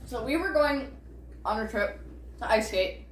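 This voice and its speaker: A young woman co-hosting a casual chat podcast, ranting excitedly with lots of "like" fillers. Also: fairly high pitch, a little slow. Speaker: podcast co-host. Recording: echoey room with faint hiss.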